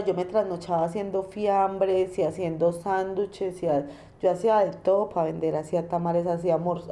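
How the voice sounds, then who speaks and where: A young woman, speaking as an interviewee, gives a personal testimony about her own life in a plain, conversational manner, often repeating herself. Her voice sits on the low side with a warm tone.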